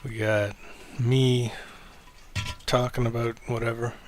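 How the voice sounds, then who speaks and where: A man hosting a casual livestream chat, rambling and self-deprecating, swearing offhandedly in a low-key, fairly monotone way. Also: slow. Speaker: livestream host.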